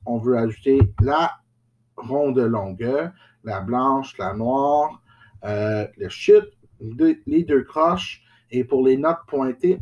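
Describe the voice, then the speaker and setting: Slow, patient man teaching rhythm reading. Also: mid-range voice, a little mellow, slight background noise. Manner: patient step-by-step explaining, counting beats and chanting rhythm syllables. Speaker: music teacher. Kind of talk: recorded music lesson.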